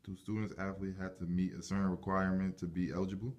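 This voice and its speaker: Mellow, low-voiced male interviewer. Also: flat delivery, quick pace, muffled recording. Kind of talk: reading prepared interview questions.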